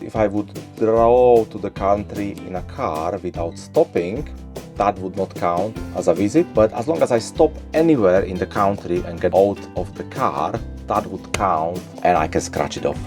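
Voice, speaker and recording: Low-voiced Slovak man in his forties. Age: 40s. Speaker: travel vlogger. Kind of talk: casual talk to camera.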